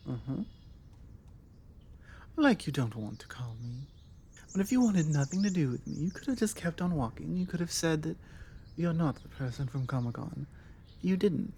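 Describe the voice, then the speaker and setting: In this one-sided ASMR roleplay, a woman with a British accent voices a forward, confident vampire who teases and coaxes, pausing deliberately. She speaks low and creaky, with a little hiss or hum over a steady backdrop of birdsong and outdoor sounds.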